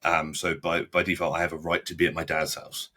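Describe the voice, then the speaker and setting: A low, husky-voiced young man tells his story to a podcast host. His tone is bright and pointed, and his speech is halting and full of restarts. He is blunt and uses casual slang. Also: level tone. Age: 20s. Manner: halting, frequent restarts and repeated words; blunt, plain-spoken with British slang. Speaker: podcast guest.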